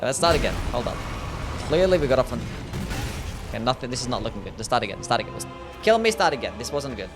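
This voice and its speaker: A man's voice: medium pitch, sing-song, quick pace, music in the background. A young Australian man streaming a game, chatting sarcastically with chat and swearing often. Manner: sarcastic, swears a lot, reads chat aloud. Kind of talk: casual gaming stream chat.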